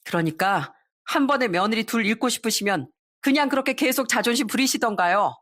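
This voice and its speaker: A woman's voice: on the high side, animated, brisk, a bit bright, no echo, studio quality, voice pushed up. A woman voicing an outspoken elder sister-in-law who stands up to her mother-in-law. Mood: defiant. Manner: blunt, defiant.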